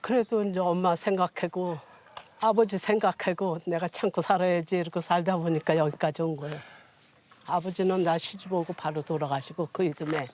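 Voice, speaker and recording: In an interview with music in the background, a woman in her sixties tells personal stories. Her lowish, darkish voice keeps a fairly even intonation at a moderate pace. She speaks plainly and homely, without polish.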